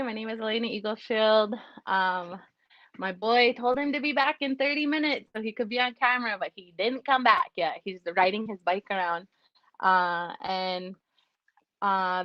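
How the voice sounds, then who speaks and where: A woman from North Dakota, a PhD student, introducing herself in a relaxed way over a video call. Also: medium pitch, no echo. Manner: laughing, relaxed, slow. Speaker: guest speaker and PhD student. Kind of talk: informal self-introduction. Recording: dull lo-fi dry sound.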